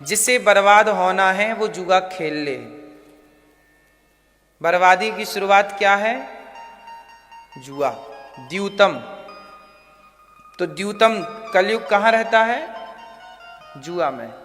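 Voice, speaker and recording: A man preaching a devotional story in a high, bright voice. He speaks slowly, puts questions to the crowd and answers them himself. His voice rings with a long hall reverb, and soft music plays underneath. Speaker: religious storyteller.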